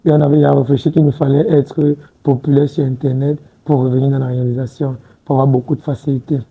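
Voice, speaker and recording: Gravelly, husky man in his twenties. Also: mid-range voice, little pitch movement, fast talker, mellow, low-quality recording. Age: 20s. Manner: hesitant, repeats words and restarts, says "tu vois un peu". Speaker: interview guest. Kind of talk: casual interview talk. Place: TV studio set.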